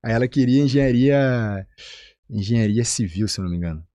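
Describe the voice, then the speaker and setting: A man from Rio de Janeiro with a Carioca accent, a physician guest telling a personal story in a casual, animated way and acting out the voices of the people in it. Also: fairly quick, dry recording, dull audio. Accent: Carioca Brazilian Portuguese. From Rio de Janeiro, Brazil. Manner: animated, acts out quoted voices with big pitch jumps.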